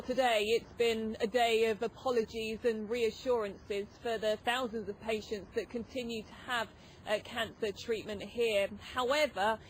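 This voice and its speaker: A woman's voice: a little high, low-quality recording. A woman giving a live news report as a field reporter. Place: outside a hospital. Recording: outdoor ambient noise behind.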